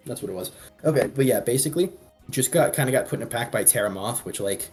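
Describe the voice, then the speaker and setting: A man's voice: mid-range voice, lively intonation, fast talker, a little mellow, faint music behind. A man co-hosting a casual commentary show, rambling with frequent restarts. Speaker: co-host.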